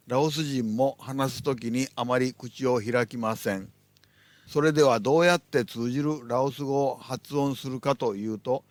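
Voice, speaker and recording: A man reads out a scripted language lesson in a plain, declarative way. His voice sits at an ordinary pitch for a man, and the recording is dry and close, with no room sound around it. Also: no room sound. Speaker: language teacher. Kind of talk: scripted lecture narration.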